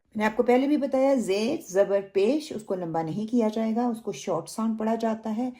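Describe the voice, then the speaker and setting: A woman with a fairly high-pitched, dark-toned voice teaches Quran pronunciation in a recorded lesson. She explains slowly and patiently, drawing out words as she recites them to demonstrate.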